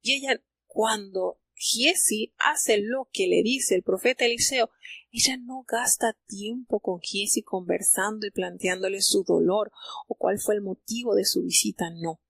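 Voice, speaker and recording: A woman teaching on a live Bible reading program, retelling the scripture as a story and quoting the characters' dialogue in an unhurried way. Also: mid-range voice, gravelly, fairly bright tone, breathy edge, no echo. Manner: unhurried, with frequent fillers and restarts.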